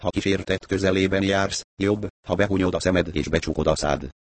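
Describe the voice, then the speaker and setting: A man reading a first-person mystery story aloud, in measured storytelling narration. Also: sits low, level tone, no room sound. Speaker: audiobook narrator.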